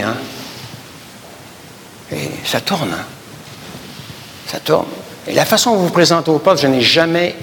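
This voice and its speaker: A man's voice: medium pitch, a bit bright, long reverb tail, slight background noise. A man from Canada with a Québécois accent, preaching a sermon emphatically and repeating phrases, addressing the congregation as brothers and sisters. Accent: Québécois French. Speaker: pastor.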